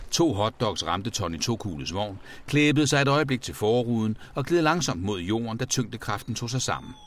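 Guy reading a kids story out loud, low voice, really animated. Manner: expressive, playful reading. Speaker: narrator.

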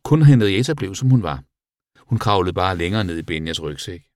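A man narrating a children's audiobook in a calm, even storytelling manner. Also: low-pitched, dry recording, clean studio sound. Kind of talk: scripted narration.

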